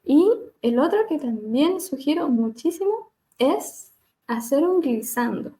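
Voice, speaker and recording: A woman speech therapist leading a webinar on voice care, gently demonstrating hums and glides over a video call and laughing at herself now and then. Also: sits high, animated, takes it slowly. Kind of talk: live webinar lesson on vocal exercises.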